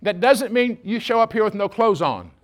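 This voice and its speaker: Brief: pastor, male, light high voice, folksy humorous sermon delivery. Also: lively intonation, moderate pace. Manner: folksy and joking, speaking directly to the congregation.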